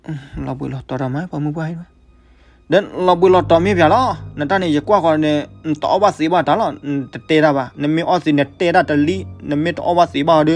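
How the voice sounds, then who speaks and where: Fast gravelly male storyteller. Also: fairly high pitch. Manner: lively, swings between loud outbursts and hushed asides. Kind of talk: folk storytelling.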